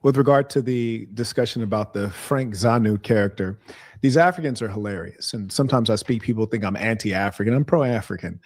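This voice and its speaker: A man's voice: lowish voice, brisk, a little mellow, no echo, clean studio sound. A man giving opinionated commentary in an assertive, sardonic tone.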